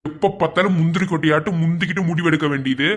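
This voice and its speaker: A man's voice: on the high side, rapid-fire, close to an everyday voice. A man voicing a blunt young man in a cartoon who lectures his lovesick friend, in a Madurai Tamil accent. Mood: scolding. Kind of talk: animated cartoon voice acting.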